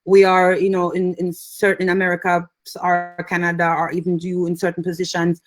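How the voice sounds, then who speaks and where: A Jamaican woman hosting a casual live interview, telling stories with lively acted-out dialogue. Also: on the low side, moderate pace. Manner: lively storyteller, acts out voices in her anecdotes.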